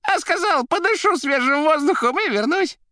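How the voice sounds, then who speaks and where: A man voicing a fawning, shrill male trickster who rattles off his words over the phone. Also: lively intonation, normal speed, pushed and bright, no room sound, studio quality, exaggerated voice. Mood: gushing. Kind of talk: audiobook character voice.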